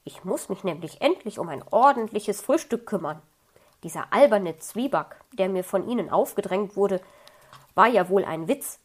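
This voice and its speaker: A woman's voice: medium pitch, expressive, moderate pace, close to an everyday voice. A woman voicing a sly, grumpy male fox in a storybook reading, crafty and grumbling.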